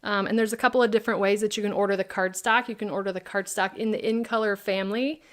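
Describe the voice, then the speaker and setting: A woman's voice: mid-range voice, fairly even intonation, quick pace. A woman hosting a live craft product demo, chatting and answering viewers' questions by name.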